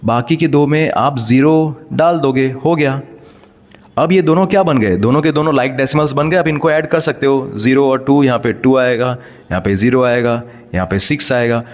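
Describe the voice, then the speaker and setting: A man's voice: mid-range voice, moderate pace. A man explaining decimals step by step as a teacher, patient and checking in frequent rhetorical questions. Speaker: math teacher. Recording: long hall reverb.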